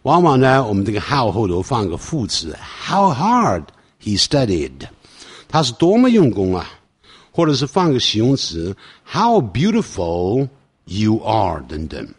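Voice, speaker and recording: A middle-aged man teaching English through song lyrics, explaining each line and reading the English slowly. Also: on the low side, huge pitch swings, husky.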